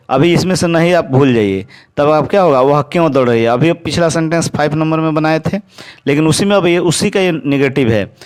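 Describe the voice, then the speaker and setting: Man slowly dictating grammar examples. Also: a little high, smooth. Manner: explains step by step, asks and answers his own questions; slows down sharply to dictate English example sentences. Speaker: English teacher. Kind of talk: spoken English grammar lesson.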